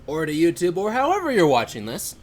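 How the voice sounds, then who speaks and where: A man's voice: a little high, wildly swooping pitch, a little fast. A man in his twenties co-hosting a casual podcast, rambling with lots of fillers and laughing often. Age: 20s. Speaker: podcast co-host.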